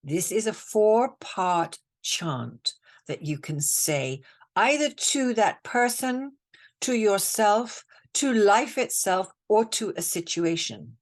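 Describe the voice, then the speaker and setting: A woman coach from the UK leads a spiritual webinar, talking slowly and soothingly and repeating phrases like a mantra. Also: medium pitch, animated. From United Kingdom. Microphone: computer mic on a video call.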